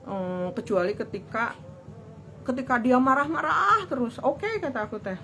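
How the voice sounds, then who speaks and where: A woman's voice: high voice, animated, normal speed, noisy background. A young woman, chatting about a relationship with an aggrieved tone and quoting past arguments. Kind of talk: personal storytelling.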